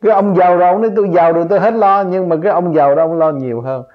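In a dull lo-fi recording, a high-voiced man delivers rapid-fire, spontaneous religious teaching as a spiritual teacher. He pushes his points hard with rhetorical questions, his pitch leaping on the important parts.

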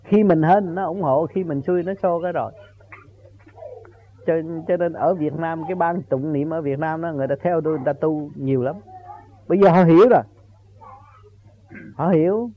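Older guy rambling thru a spiritual talk, highish voice, chuckles, repeats himself, tinny phone sound. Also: normal speed, pauses often. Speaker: spiritual teacher. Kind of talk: informal Buddhist teaching talk.

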